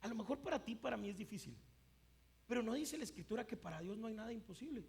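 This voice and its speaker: A male pastor preaching a sermon emphatically, swinging between loud and hushed, with occasional stumbles and repeated words. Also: high voice, lively intonation, fast talker, vocal fry.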